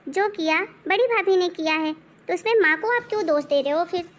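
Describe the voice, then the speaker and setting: A woman's voice: extremely high pitch, animated, fairly quick. Woman doing sensible college-girl sister-in-law. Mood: coaxing. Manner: reasoning, coaxing.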